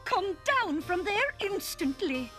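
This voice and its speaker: Grave cartoon queen mother, slow and high, over music. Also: big pitch swings, exaggerated voice. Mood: urgent. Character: solemn royal mother narrating her loss. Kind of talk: 1990s cartoon voice acting. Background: cartoon score music.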